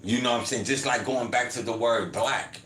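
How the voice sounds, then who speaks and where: A man's voice: mid-range voice, moderate pace, a bit bright. A man hosting his own podcast, talking casually with listeners and dropping "you feel me" and "man" into his points. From United States. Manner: loose conversational, lots of "you feel me" and "man". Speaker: podcast host. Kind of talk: casual podcast commentary, reading chat comments. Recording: roomy home recording with faint ambience.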